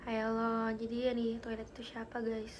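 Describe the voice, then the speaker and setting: A woman's voice: on the high side, completely flat delivery, moderate pace, slight background noise. A young woman hosting a live stream, chatting casually with viewers and telling spooky stories in a giggly way. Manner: chatty and giggly, reads comments aloud.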